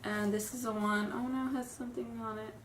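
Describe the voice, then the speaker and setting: A young woman with a cold-stuffed voice talks briskly on the high side in a steady tone, nervous, rambling, apologetic, and giggly. The casual vlog was recorded in a room at home on roomy, distant camera audio, with noise in the background.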